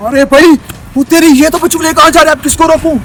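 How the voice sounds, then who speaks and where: An excited man blurts out alarmed exclamations as he races after ghosts, acted by a man. He talks fast in a very high voice, with faint music under him. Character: alarmed man chasing child-snatching ghosts.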